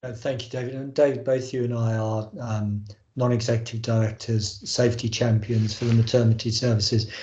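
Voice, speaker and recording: A man's voice: mid-range voice, level tone, brisk, mellow. A man chairing a formal board meeting on a video call, speaking with frequent hesitant ums. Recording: muffled, roomy video call audio.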